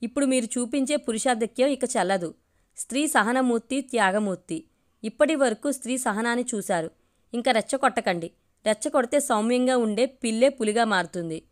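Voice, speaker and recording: A woman's voice: fairly high pitch, a little fast, lightly acted. A woman voicing a firm, dignified middle-aged wife and mother in a storybook reading, arguing in a reproachful way.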